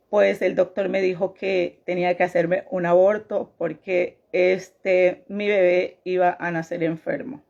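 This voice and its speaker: Woman sharing a faith testimony, slow and halting, with a gravelly edge, heard on a dull lo-fi recording. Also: medium pitch, a little mellow. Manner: halting, repeats phrases. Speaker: woman giving a personal testimony.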